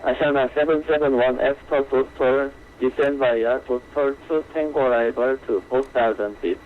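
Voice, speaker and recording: Over a muffled, lo-fi radio link with faint noise, a man controls traffic for an online flight simulation network. His instructions are procedural and clipped, delivered at a moderate pace in a steady, medium-pitched voice.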